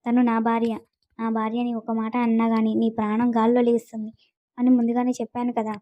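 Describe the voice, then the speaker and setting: A woman's voice: on the high side, monotone, fast, warm tone, dry recording, muffled recording, natural voice. A woman reading a possessive, hot-tempered husband. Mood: stern.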